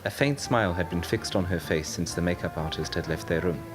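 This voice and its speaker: A man narrating an audiobook story in a steady, measured way. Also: low voice. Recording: narration over loud music.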